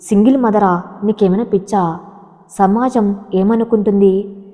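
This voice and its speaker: A woman's voice: mid-range voice, measured pace, lo-fi sound, lightly acted. A woman reading the lines of a cold, dismissive young husband who speaks curtly and harshly, in a storybook. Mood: angry. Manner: curt and harsh. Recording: long hall reverb.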